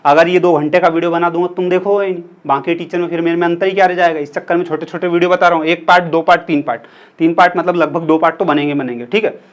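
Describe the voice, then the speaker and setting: A man's voice: on the high side, fairly even intonation, fast, muffled recording. A young man teaching Hindi grammar in a casual lecture, chatty and asking his students questions as he explains, sometimes stretching vowels out to show how they sound.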